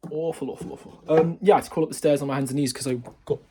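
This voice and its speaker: His voice is a little high and mellow, with fairly even intonation, and he races along. The man, a vlogger in his twenties, rambles casually into a handheld phone at his grandparents' house and garden, frequently restarting what he says.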